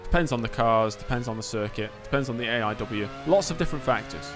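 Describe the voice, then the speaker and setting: A man's voice: mid-range voice, fast talker, over music. A man live-streaming a game, giving casual commentary, replying to chat and muttering to himself.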